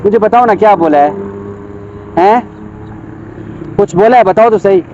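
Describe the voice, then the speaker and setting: High-voiced, gentle man coaxing. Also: a little slow, lo-fi sound, slight background noise. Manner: gentle, coaxing, repeats his questions. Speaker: passerby filming. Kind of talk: casual street talk.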